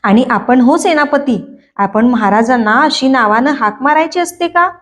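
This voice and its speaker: A woman's voice: high-pitched, expressive, normal speed. A woman voicing a mischievous young boy playing a courtier, speaking in a playful, teasing way.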